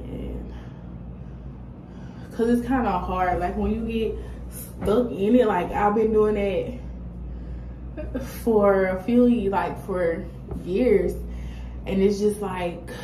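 A young adult woman chatting casually to the camera as she vents, halting and reflective, at home. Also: mid-range voice, dark tone. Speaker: vlogger. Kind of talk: casual chat, venting to camera. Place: small room at home, indoors. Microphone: phone or laptop at arm's length. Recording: roomy echo, clear background noise.

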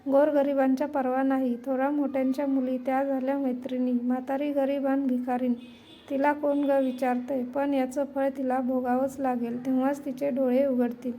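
A woman's voice: high-pitched, little pitch movement, moderate pace. A woman voicing a bitter, scolding old beggar woman who is a goddess in disguise, in a storybook tale. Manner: soft-spoken, scolding.

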